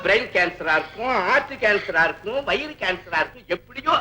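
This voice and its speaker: A man's voice: sits high, lively intonation, fairly quick, sharp tone, soft background music, full character voice. An actor playing a middle-aged father who fusses and exclaims dramatically in a family comedy scene. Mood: exasperated. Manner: exclaiming, fussing. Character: fussy, dramatic father exasperated by his daughter.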